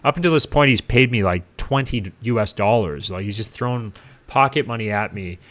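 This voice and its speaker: A middle-aged man from Canada, a guest casually telling his life story in an animated way, acting out what others said. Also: on the low side, normal speed. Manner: animated, acts out what people said.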